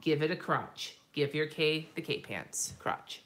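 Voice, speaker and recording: A woman's voice: sits low, measured pace, a bit bright. A woman hosting a live stream, chatting casually and rambling while she draws, swearing freely and laughing often. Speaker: lettering artist and live-stream host.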